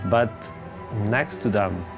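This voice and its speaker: A man's voice: lowish voice, takes it slowly, gravelly. A man giving interview commentary in a nature documentary as an expedition member. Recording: loud music under the voice. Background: loud music.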